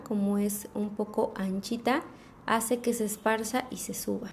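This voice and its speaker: A woman's voice: a little high, mellow, slight background noise. Chatty Mexican woman teaching makeup. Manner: patient, step-by-step instruction with many diminutives. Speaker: beauty vlogger. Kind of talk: makeup tutorial.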